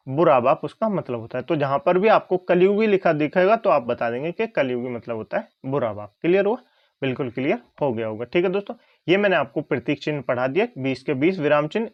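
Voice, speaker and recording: In this exam-prep lesson, a male teacher quizzes himself aloud, lifting his pitch on every check and sinking low as he answers. There is no room sound, and the recording comes across muffled.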